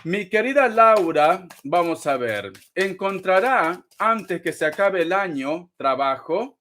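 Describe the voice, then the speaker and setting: A man's voice: high voice, animated, slow, fairly bright tone, slight background noise. A man doing a live tarot reading, theatrical and teasing, calling viewers darling and laughing often. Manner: laughs often between phrases. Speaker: tarot reader.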